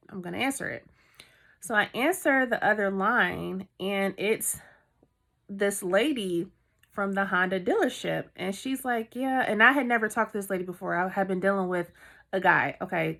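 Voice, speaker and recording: A woman's voice: medium pitch, vocal fry, sharp tone. A woman vlogger telling a heartfelt story time in a chatty way, full of fillers.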